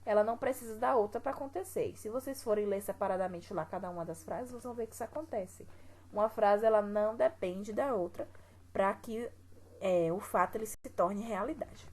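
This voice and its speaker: A woman's voice: medium pitch, a little fast, darkish tone, poor audio. A woman teacher with a Brazilian Portuguese accent, patiently walking students through exercises step by step and asking them rhetorical questions. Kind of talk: recorded classroom lesson.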